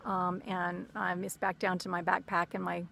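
A woman's voice: on the low side, little pitch movement, normal speed, vocal fry, bright, forceful tone, a little hiss or hum. A woman talking casually in a personal vlog, rambling with many fillers and restarts, short on sleep and running on coffee. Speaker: spiritual vlogger.

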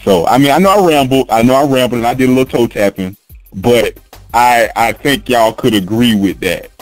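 A man's voice: mid-range voice, brisk, no echo, soft background music. A man hosting a casual podcast chat, talking in a rambling, emphatic and profane way and laughing often. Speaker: podcast host.

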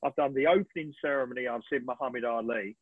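A man in his fifties, a sports photographer, telling animated stories on a webinar and often clearing his throat. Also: mid-range voice, fast, no echo. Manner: animated, rambling storyteller with frequent throat clearing. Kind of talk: relaxed anecdotal storytelling on a webinar. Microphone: video call. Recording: tinny, dry video-call audio.

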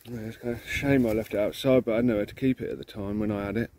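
A man's voice: lowish voice, fairly even intonation, quick pace, very noisy. A man walking around an old machine outdoors, thinking aloud in a casual, rambling way with many ums and restarts, filmed on a handheld phone. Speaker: vintage combine owner filming his machine. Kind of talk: casual walk-around narration. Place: outdoors in an overgrown field beside an old combine.

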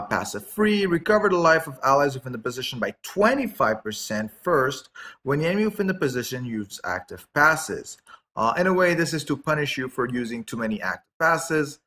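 A man's voice: fairly high pitch, sharp tone. A man reading out game skill text and giving casual, offhand commentary on it, with frequent fillers.

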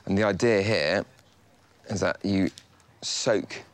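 Low-voiced British man explaining repairs. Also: takes it slowly. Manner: calm, matter-of-fact step-by-step explanation. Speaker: furniture restorer. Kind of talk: explaining his repair work to camera. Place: large wooden workshop, indoors.

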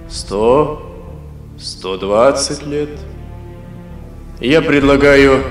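A man voicing a sardonic ancient god of the underworld, speaking in a slow, sepulchral, sarcastic voice. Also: medium pitch. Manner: sarcastic, mocking. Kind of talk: audiobook character voice. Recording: echoey hall reverb with faint music.

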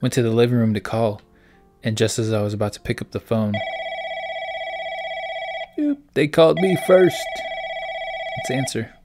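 A man's voice: fairly low pitch, flat delivery, quick pace, loud music behind the voice. A man, the host of a gaming channel, playing through a story game, reading its text aloud and reacting in puzzled asides. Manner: reads dialogue aloud in a plain voice between puzzled asides.

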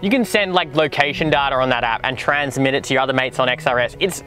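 A man in his twenties with an Australian accent gives an enthusiastic, informal vlog review to camera, moving between a car and the outdoor bush. His mid-range voice is bright and forceful, he talks quickly, and faint music plays behind him.

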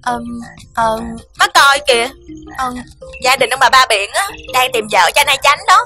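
A woman's voice: high-pitched, normal speed, sharp tone, soft background music. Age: young adult. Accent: Southern Vietnamese. Figure: whiny, spoiled young woman. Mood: petulant. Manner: whiny, complaining. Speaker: daughter. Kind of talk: TV drama acting.

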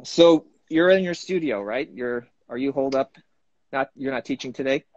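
A man of middling pitch hosts a relaxed live stream, nudging his guest along with brief questions and quick replies. The sound is dry and a little dull, as over a streamed mic. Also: dry recording. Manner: easygoing, prompting with short questions. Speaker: host. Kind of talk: casual live-stream interview. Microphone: live video stream.

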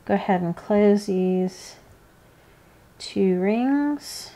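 A woman sits at a work table indoors, walking through a hands-on tutorial at an unhurried pace. Her medium-pitched voice is mellow and informal, with pauses left between each step of instruction.

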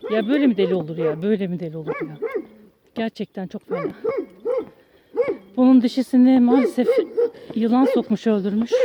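Walking her dog on a country path outdoors, a vlogger with a highish voice chats in a very animated, fairly quick way with frequent pauses, coaxing the dogs affectionately. Her handheld phone recording sounds dull and carries heavy background noise.

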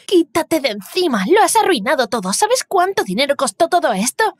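A woman voicing a spoiled teenage girl who scolds sharply in an animated story. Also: high-pitched, moderate pace, dry recording, studio quality, voice pushed up. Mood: angry.

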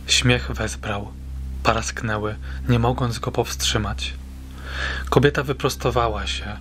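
Man, audiobook narrator, measured suspenseful reading, mid-pitched voice, faint music underneath. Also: fairly bright tone. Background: faint background music.

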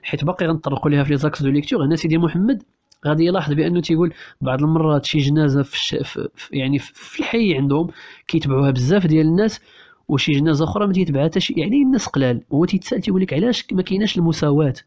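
A man with a Moroccan Arabic accent teaching a French novel for exam prep, explaining quickly and switching between languages with many restarts. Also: a little high, darkish tone, dull audio.

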